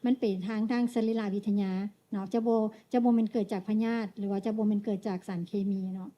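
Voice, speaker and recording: Dark-voiced woman interpreter. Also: mid-range voice, fairly even intonation, fast, highs cut off. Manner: hesitant, with frequent tag particles. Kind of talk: consecutive interpreting of a lecture.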